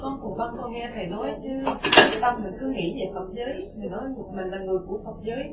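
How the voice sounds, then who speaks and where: Woman follower, soft questions, quick delivery, heard from far off in a roomy lo-fi recording. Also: fairly high pitch, crowd noise. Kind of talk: casual questions to a teacher. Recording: distant, roomy, lo-fi.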